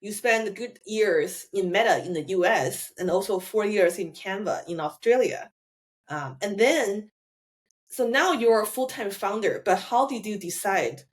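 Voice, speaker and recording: A woman hosting a podcast asks friendly, encouraging interview questions with some filler words. Her voice is medium-pitched and her pace unhurried.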